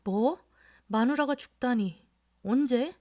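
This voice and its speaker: A woman's voice: fairly high pitch, slow, darkish tone, dry recording, clean studio sound, voice pushed up. A woman doing a scolding drinking buddy. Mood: exasperated. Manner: exasperated questioning. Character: middle-aged male drinking companion, wary and scolding. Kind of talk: storybook reading.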